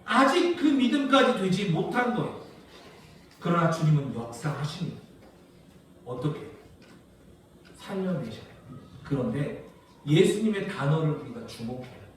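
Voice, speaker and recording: A man with a high voice preaches a Sunday sermon in a small country church sanctuary. He keeps asking his listeners questions and answering them, moving from quiet, hushed lines to loud, forceful ones. His voice rings through a very echoey hall and is picked up from a distance. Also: sing-song, a little slow, pauses often, a little hiss or hum. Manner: asks the congregation questions and answers them himself; swings between hushed low lines and loud emphatic ones. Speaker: pastor.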